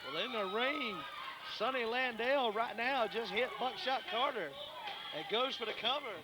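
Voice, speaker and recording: A man calling live wrestling in a measured, polite way. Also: very high voice. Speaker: play-by-play commentator. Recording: clearly noisy live event background.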